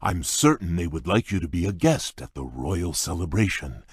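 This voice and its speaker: The Beast, deep and shy. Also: male voice, big pitch swings, no echo, clean studio sound, full character voice. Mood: gentle. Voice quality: very deep and husky. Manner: gentle, shy, halting and formal. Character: large gentle shy male beast prince. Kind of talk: video game voice lines.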